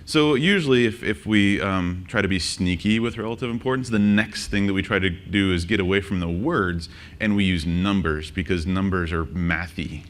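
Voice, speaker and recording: A man presenting a conference workshop, joking and quizzing the audience with quick questions. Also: deep voice. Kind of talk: interactive conference talk. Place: conference session room.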